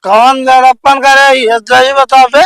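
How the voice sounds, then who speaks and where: A man's voice: very high voice, level tone, unhurried, fairly bright tone, smooth, no room sound, exaggerated voice. A man with an Awadhi accent playing a boastful, quarrelsome village drunk in a comedy sketch, slurring and rambling. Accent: Awadhi, eastern Uttar Pradesh.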